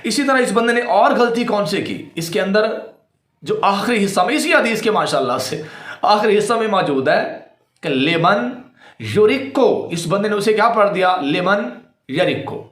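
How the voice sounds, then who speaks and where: A man's voice: sits high, lively intonation, a bit bright, reverberant. A man, a cleric and debater, giving polemical commentary to his audience in a scornful, repetitive, mocking way.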